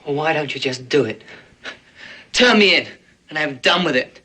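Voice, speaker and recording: A man's voice: fairly high pitch, expressive, moderate pace, pushed and bright, slightly rough, full character voice. A man playing a bitter, cornered fugitive in a western drama. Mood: defiant. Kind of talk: period western screen acting.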